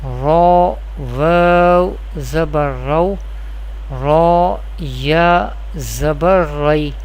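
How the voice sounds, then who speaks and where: A teacher delivers a scripted lesson on Quran recitation, working through it slowly with repeated questions and answers and spelling out examples. The voice is medium in pitch with a somewhat dark tone, and the audio quality is poor.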